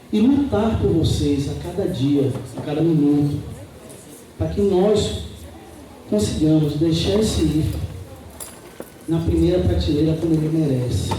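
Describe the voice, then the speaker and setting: A man speaks in a fairly high but very dark, mellow voice. He delivers a campaign statement earnestly and with emphasis, leaning on repeated phrases. The sound comes from far off in a very echoey room with faint noise behind him. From Salvador, Brazil. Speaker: campus director candidate. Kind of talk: debate opening statement.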